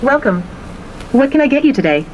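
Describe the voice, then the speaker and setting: A woman's voice comes through a drive-thru speaker, fairly high and a little muffled. She takes the order in brisk, set phrases. A faint hiss sits behind her. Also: very animated. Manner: brisk, scripted order prompts. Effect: heard through a drive-thru intercom speaker.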